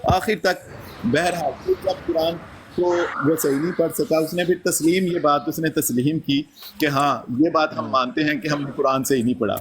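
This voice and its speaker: A man's voice: on the high side, background noise. A man casually recounting a debate, quoting his own lines back and forth as he tells it. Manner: recounts events and quotes himself in lively dialogue. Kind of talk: casual storytelling.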